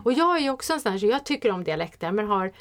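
A woman hosts a casual chat at a mid pitch. She is chatty and keeps the talk moving with short affirmations. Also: sing-song. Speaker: host. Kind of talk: casual interview.

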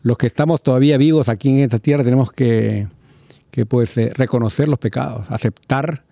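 A man's voice: mid-range voice, brisk, gravelly, mellow, no room sound. A man in a casual religious conversation, talking reflectively with many filler tags.

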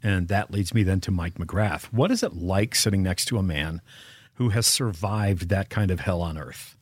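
A man hosting an interview, asking measured questions. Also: low voice, slightly rough, no room sound, studio quality. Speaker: interview host.

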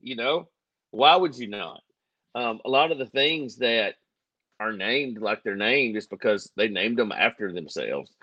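A man's voice: fairly low pitch, expressive, unhurried, pushed and bright, slightly rough, dry recording, highs cut off. Laid-back man, rambling joker. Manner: rambling, jokey, laughs easily. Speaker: podcast co-host. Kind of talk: casual chat.

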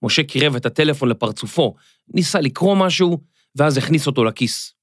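A man narrating a scripted children's story in a clear, expressive storytelling manner. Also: a little high, no room sound. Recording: dry studio, faint music.

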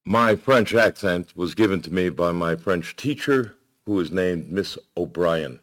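A man preaching a sermon to his congregation, measured and emphatic, with pauses. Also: low voice, animated, a bit bright. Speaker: pastor.

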